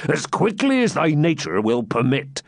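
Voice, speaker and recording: A man's voice: fairly high pitch, big pitch swings, moderate pace, creaky, no room sound, clean studio sound, pitched above the performer's own voice. A man voicing a jovial, tipsy male hermit friar who drawls and blusters. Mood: blustering.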